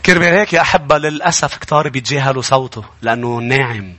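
A male pastor with a Lebanese accent preaching a sermon, swinging between low earnest tones and high emphatic bursts. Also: steady tone, racing, pushed and bright.

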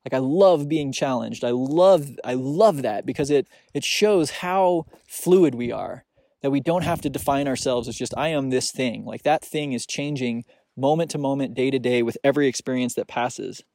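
A man with a medium-pitched, darkish voice hosts his own podcast, thinking aloud in a reflective solo monologue while on a mountain hike outdoors. His voice is soothing but halting and searching, with many restarts and fillers. The recording sounds dry.

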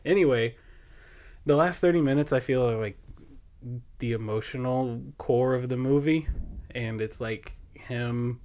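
A man's voice: mid-range voice, a little slow, pauses often, a little mellow. A young man hosting a podcast in casual chat, rambling with lots of fillers and laughing often. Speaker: podcast host.

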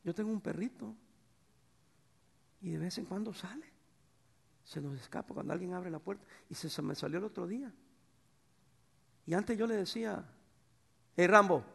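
A middle-aged man preaching a sermon as pastor, swinging between loud bursts and soft, tender passages. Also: high voice, creaky, breathy edge. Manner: animated preacher, swings from shouts to soft tones.

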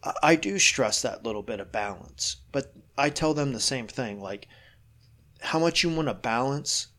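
A middle-aged man talking shop as a fitness coach, loose and rambling, full of "you know" and "like". He is frank and swears now and then, in an easygoing podcast chat at an ordinary pitch. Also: lively intonation, moderate pace, pushed and bright.

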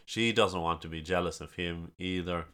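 A man with a lilting, musical Kerry Irish accent, chatting and telling stories in a halting way, often repeating words. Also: deep voice, fairly even intonation, fairly bright tone, smooth. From County Kerry, Ireland. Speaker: storyteller, podcast guest. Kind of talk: casual chat, storytelling.

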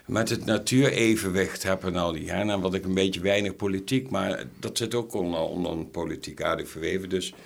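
A man in a casual chat, talking haltingly and drawing out his words. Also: deep voice, vocal fry.

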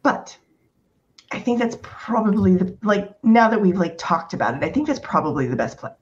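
A woman's voice: medium pitch, sing-song, normal speed, a little hiss or hum. Woman reasoning aloud, slightly dull audio. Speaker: tabletop game player. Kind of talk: conversational in-character role-play.

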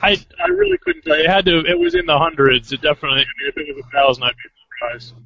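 A man's voice: on the high side, huge pitch swings, quick pace, gravelly, slightly rough, dry recording. A man chatting as a guest over a remote call, his words choppy with cut-off endings as the connection breaks up. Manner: chatty, rambling. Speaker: guest reporting on a convention. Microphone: remote call over portable Wi-Fi. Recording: dull lo-fi internet call audio.

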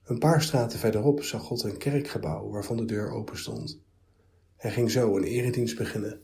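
A man narrating a story in a measured, even reading. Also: on the low side.

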